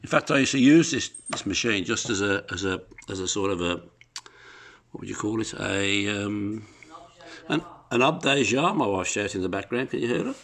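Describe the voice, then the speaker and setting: Recorded indoors on the handheld phone he's holding, a man rambles hesitantly through an unscripted demo of something he's selling in his apartment's living room. His voice is lowish, gravelly and a bit bright, with lively intonation at a moderate pace.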